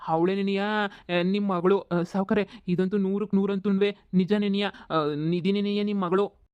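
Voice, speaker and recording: A man's voice: high voice, little pitch movement, unhurried, clean tone, no room sound, dull audio. A man voicing a loyal old male servant who stammers and begs, in a comedy cartoon. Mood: stammering. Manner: whining, begging, stammering.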